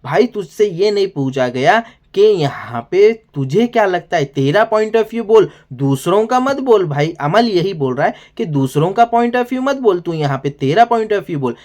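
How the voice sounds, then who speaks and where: A man's voice: high voice, lively intonation, measured pace, a little mellow. A male TV show reviewer talks through an episode recap in a loose, rambling way. He keeps calling the viewer "brother" and drops exasperated asides. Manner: rambling, fills every sentence with "here" and "brother". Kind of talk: casual episode recap and commentary.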